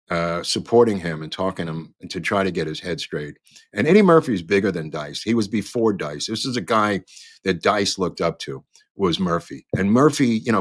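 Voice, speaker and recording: A man hosting a show, telling a long story in a rambling, halting way with many fillers and restarts as he talks to a live chat. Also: low-pitched, a bit bright, no echo, clean studio sound. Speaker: podcast host.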